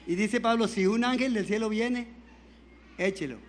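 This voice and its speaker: A male Pentecostal preacher giving a fervent sermon, swinging between quiet pleading and shouting, calling on the congregation for amens. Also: sits high, moderate pace.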